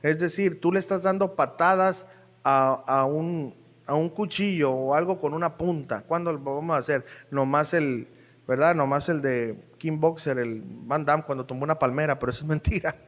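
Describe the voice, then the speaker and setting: A man preaches from the pulpit, his voice set fairly high. He reads scripture and breaks off for conversational asides and jokes with his congregation. A long reverb hangs on every phrase. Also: moderate pace. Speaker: pastor. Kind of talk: sermon with Bible reading.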